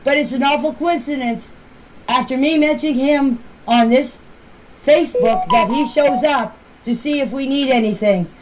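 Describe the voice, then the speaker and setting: A woman's voice: high-pitched, normal speed, slight background noise, low-quality recording. A woman talking casually and plainly, as if leaving voice messages for a group chat, in an amateur recording. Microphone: voice clips recorded for a group chat.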